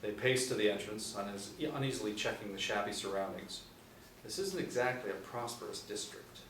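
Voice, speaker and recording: A middle-aged man with a low-leaning, slightly bright voice briskly reads the stage directions as narrator at a table read. He is seated in a small indoor room, and the recording is echoey, with a distant mic and faint noise.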